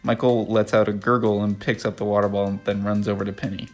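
A man with a lowish voice reads stage directions aloud as a podcast host. He keeps breaking into laughter, then slides into casual chat. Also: little pitch movement, quick pace, soft background music.

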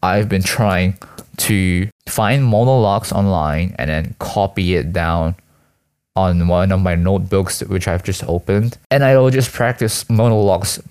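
A young Malaysian man in his teens to young adulthood, a school student, student vlogger and aspiring actor, rambles casually. His voice is low, a little mellow and clean, at a measured pace, and his manner is hesitant, self-deprecating and slangy.

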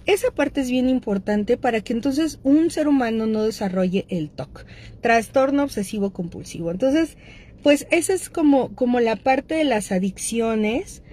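A middle-aged Mexican woman with a fairly high voice hosts a casual talk. She speaks straight to her listeners in a conversational way, with frequent fillers. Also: expressive, normal speed, dark tone. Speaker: host speaking on addictions.

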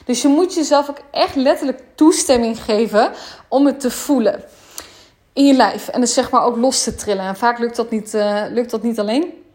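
Woman coach, slightly high voice, frank casual monologue, drops English slang. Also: normal speed, a little mellow.

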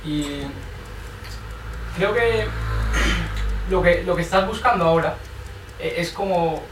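A man's voice: high voice, slow. A man, giving earnest advice in a group circle and often adding a tag question. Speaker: group participant. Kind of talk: reflective group sharing talk. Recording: echoey room from far off, faint noise.

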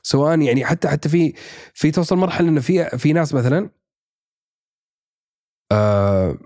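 In a clean, echo-free studio recording, a Saudi actor and writer talks casually as a podcast guest. His voice is a little high and darkish, and he speaks fairly quickly, thinking out loud with many fillers and restarts.

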